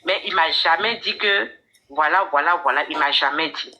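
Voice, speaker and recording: A woman caller telling her personal story to a coach, halting and often repeating words. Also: low-pitched, sharp tone.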